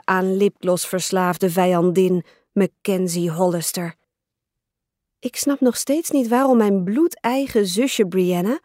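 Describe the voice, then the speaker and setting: A woman narrating a teen diary story in the first person, expressive and dramatic. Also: medium pitch, no room sound, clean studio sound. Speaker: audiobook narrator.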